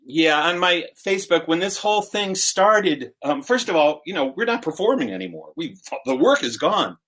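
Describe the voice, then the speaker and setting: A man in his sixties, an animated storyteller who acts out characters with shifting voices, over a video call. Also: sits high, normal speed. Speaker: storyteller and musician. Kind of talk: oral folk-tale storytelling.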